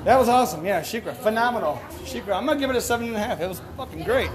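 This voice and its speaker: A man with a squeaky, strained voice that is giving out, chatting enthusiastically and casually with lots of swearing as he records a podcast. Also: lively intonation, very fast. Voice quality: strained, squeaky voice, losing it from yelling. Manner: enthusiastic, opinionated. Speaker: podcast host. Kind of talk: casual, sweary amusement park podcast chat. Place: outdoor theme park, on exit stairs and in queues. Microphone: handheld phone. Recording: busy outdoor crowd and ride noise.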